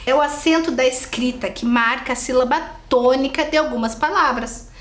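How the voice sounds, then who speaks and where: A woman's voice: high voice, normal speed, reverberant. A woman with a Brazilian accent, giving a recorded video lesson to children and checking in with them often. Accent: Brazilian Portuguese. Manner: talks straight to the pupils and checks in often. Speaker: teacher.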